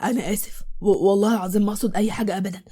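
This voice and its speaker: A woman's voice: mid-range voice, fairly even intonation, racing, mellow, breathy edge, close to an everyday voice. A woman voicing a suspicious paralysed young husband. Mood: earnest. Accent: Egyptian Arabic. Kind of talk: storybook voice acting.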